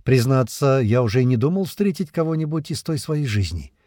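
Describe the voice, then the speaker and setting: A man voicing a calm, wistful male figure in an audiobook. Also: medium pitch, brisk, dry recording, studio quality, natural voice. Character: wistful man, the hero's other self.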